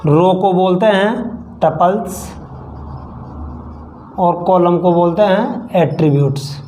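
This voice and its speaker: High-voiced slow teacher man. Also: warm tone, slight background noise, poor audio. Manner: repeats phrases slowly for note-taking. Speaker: computer teacher. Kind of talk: slow dictation-style lesson.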